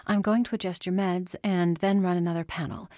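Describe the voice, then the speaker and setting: A woman voicing a female doctor who speaks in a measured, professional way to a patient. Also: lowish voice, fairly even intonation, dry recording, studio quality, lightly acted. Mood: clinical. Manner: measured, softening.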